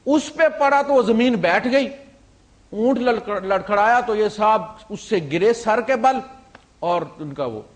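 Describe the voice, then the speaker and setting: A man preaching a storytelling sermon, swinging between loud emphasis and quiet asides, with English words mixed into his talk. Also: sits high, expressive. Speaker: Islamic preacher.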